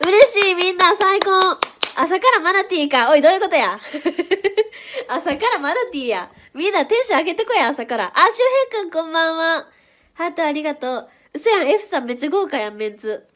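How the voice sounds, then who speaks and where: A woman's voice: extremely high pitch, expressive, fairly quick, a bit bright. A woman with a Kansai accent and a stuffy nose, chatting playfully on a livestream and reacting to viewer comments. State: stuffy nose from hay fever. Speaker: idol livestream host. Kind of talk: casual livestream chat reading viewer comments.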